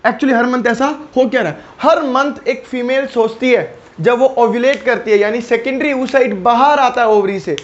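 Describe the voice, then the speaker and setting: A man with a very high voice gives an online biology lesson in a chatty, informal way. He keeps firing questions at his students and answers them himself. The recording sounds dull and lo-fi. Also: normal speed, few pauses. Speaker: biology teacher. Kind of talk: online lecture.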